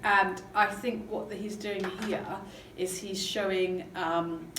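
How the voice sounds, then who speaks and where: A woman teacher chats casually about a novel in a literature lesson, hesitant and full of ums. Her voice is medium-pitched, steady, slow and a bit bright. The recording is roomy, with a distant mic and background noise.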